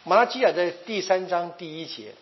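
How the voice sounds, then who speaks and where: Male Bible teacher, higher voice with lively pitch, questioning style, dull lo-fi sound. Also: a little fast. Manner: explanatory, asks the audience questions. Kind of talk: Bible study lecture.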